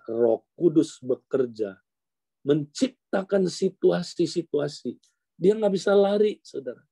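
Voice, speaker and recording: A man preaching, telling a story in a lively way and calling on his listeners again and again. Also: medium pitch, dry recording. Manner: animated, addresses listeners as "saudara" constantly. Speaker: pastor. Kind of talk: sermon storytelling.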